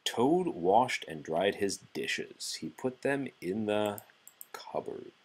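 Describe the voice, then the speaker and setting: A man reading a children's story aloud to a child in an animated narrating style. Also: lowish voice, takes it slowly, poor audio. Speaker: storybook reader.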